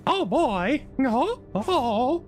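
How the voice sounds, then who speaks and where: A man voicing a cheerful, squeaky male cartoon mouse in a very high falsetto with a chirpy, bouncy manner. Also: big pitch swings, drawn-out words, soft background music, full character voice.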